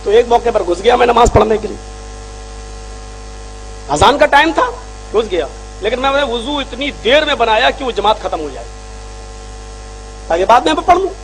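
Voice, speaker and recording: A man preaching a sermon, telling stories in dialogue and rising to shouted emphasis. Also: extremely high pitch, expressive, moderate pace, pauses often, slight background noise, low-quality recording. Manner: retells arguments in dialogue. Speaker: Islamic preacher. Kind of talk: sermon with storytelling.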